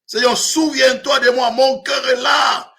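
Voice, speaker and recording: Man, pastor in his fifties, from Africa, very high voice, sharp bright tone, shouted sermon. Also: fairly even intonation, measured pace. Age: 50s. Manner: preaching with frequent shouted emphasis.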